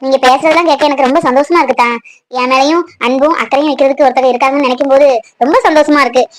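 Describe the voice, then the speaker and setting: Woman doing a high-voiced tender young village woman, orphaned, emotional, soft-spoken, cartoon. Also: fairly even intonation, racing, lightly acted. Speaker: bride-to-be on the phone.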